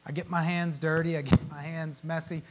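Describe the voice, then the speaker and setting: A male pastor preaching a Christmas sermon, emotional, with dramatic pauses and swelling emphasis. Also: on the high side, little pitch movement.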